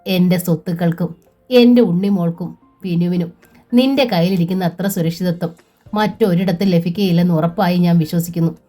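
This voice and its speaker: A woman voicing a kindly older mother-in-law who speaks warmly and reassuringly. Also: lowish voice, natural voice.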